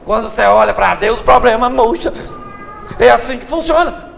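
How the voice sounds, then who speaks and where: A man preaching a comic sermon in a church, telling stories in an animated way with loud, emphatic bursts. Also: extremely high pitch, brisk, gravelly, a little hiss or hum. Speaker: pastor. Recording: echoey church hall, mic far off.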